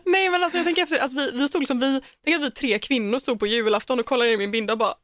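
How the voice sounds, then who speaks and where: Animated young woman telling a story. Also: high-pitched, dry recording, clean studio sound. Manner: animated, fast storytelling with acted-out quotes and laughter. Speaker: podcast co-host. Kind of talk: casual chat, storytelling.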